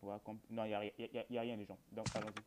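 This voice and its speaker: Against a noisy background, a man with a fairly low pitch delivers rapid-fire, flat commentary. He's a gamer addressing viewers during a horror game, rambling in loose, colloquial talk peppered with dry jokes.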